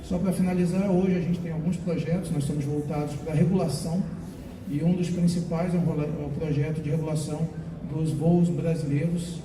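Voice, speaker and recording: A man speaking at a panel, talking with many hesitations and fillers. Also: fairly high pitch. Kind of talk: panel talk. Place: conference hall. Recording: echoey room, far from mic, noisy.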